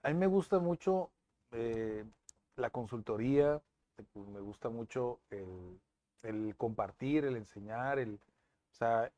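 A man, a TV news presenter being interviewed, telling stories in a lively way with many restarts. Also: medium pitch, takes it slowly, no echo. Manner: animated storytelling with frequent restarts. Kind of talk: casual interview chat.

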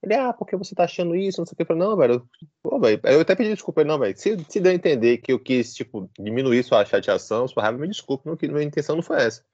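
A man chatting on a fan podcast, reasoning out loud in a relaxed, filler-heavy way. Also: medium pitch, very fast, no room sound, highs cut off. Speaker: podcast co-host, football fan. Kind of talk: casual chat.

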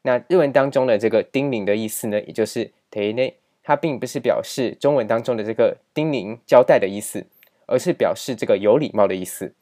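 A male language teacher explains a grammar lesson over slides, patiently going back over key points and using plenty of filler particles. His voice is medium in pitch with a dark tone, and he speaks a little fast.

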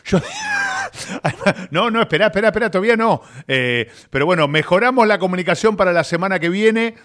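A man with a Rioplatense Spanish accent, hosting a radio show in chatty, animated talk full of filler tags. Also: sits high, fast. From Argentina. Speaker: radio host. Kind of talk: casual radio chat. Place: radio studio.

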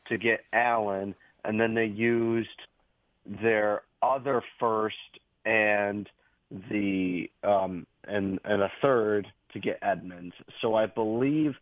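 A man's voice: on the low side, no room sound. A man calling in to a radio sports show, laying out details and hedging with phrases like "I believe.". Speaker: caller. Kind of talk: casual sports talk. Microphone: phone. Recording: phone line.

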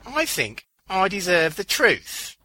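A man voicing a sardonic, resourceful male clown with a dry, deadpan delivery. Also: sits high, slow pace, voice pushed up, heavily acted, low-quality recording. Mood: wry.

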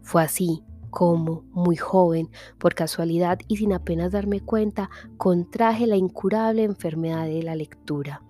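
Woman reading a literary memoir softly. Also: on the low side, faint music behind. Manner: soft, measured, dropping at times to a whisper. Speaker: reader.

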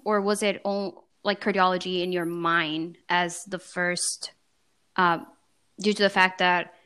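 A woman's voice: mid-range voice, fairly bright tone, clean tone. A woman hosting a podcast, upbeat and friendly as she introduces her guest and asks questions. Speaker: podcast host. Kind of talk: casual podcast interviewing.

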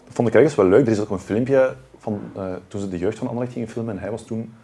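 A man with a Flemish accent, a café regular asking a guest quick questions in a casual chat. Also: fairly low pitch, warm tone. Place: café bar.

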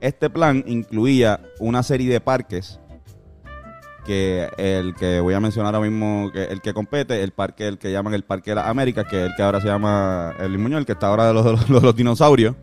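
A man with a Puerto Rican Spanish accent explaining things casually, in a halting, informal, slangy way. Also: lowish voice, darkish tone, faint music behind. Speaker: podcast host telling local history. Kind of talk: casual explanatory talk from notes.

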